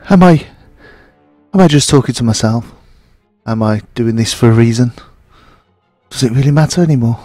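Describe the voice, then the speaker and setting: A man's voice: mid-range voice, a little mellow, dry recording. A man doing sarcastic, rambling let's play commentary. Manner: sarcastic, rambling and self-mocking. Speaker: gaming commentator.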